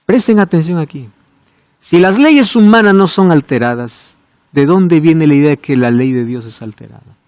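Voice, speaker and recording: A man preaching a sermon in a fairly high voice, recorded close and dry. He asks rhetorical questions and swings from emphatic high lines to quiet, low asides. The pitch keeps rising and falling with his emphasis. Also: animated, normal speed, no echo.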